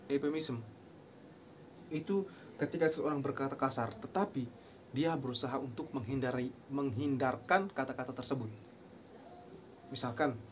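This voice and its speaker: A young male student talks through a recorded class presentation at a middle pitch. He explains each term, then slowly sounds the phrase out again, with a few English words dropped in. A faint hiss sits under the voice. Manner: mixes in short English phrases. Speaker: university student.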